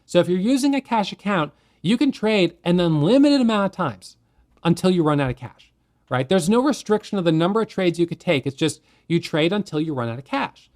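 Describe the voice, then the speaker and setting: Man, fairly high voice, trading educator, conversational explainer, rhetorical questions. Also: very animated, brisk, a little mellow. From United States. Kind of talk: explanatory talk to camera.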